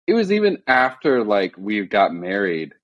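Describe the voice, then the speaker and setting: Deep-voiced deadpan man. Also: normal speed. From Midwest. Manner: monotone, deadpan, many fillers. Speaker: podcast guest. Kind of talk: casual podcast chat.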